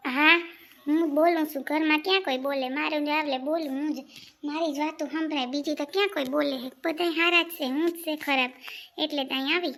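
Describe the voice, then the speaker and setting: Woman as touchy young wife, defensive and dramatic, high voice, comedy skit. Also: fairly even intonation, fairly quick, a bit bright. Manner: defensive, protesting. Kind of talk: comic family sketch.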